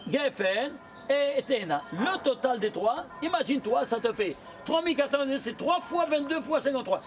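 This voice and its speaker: Faint music plays behind a rabbi whose voice is extremely high in pitch. He leads a lively Torah lesson, quizzing students with rapid rhetorical questions and weaving in Hebrew terms.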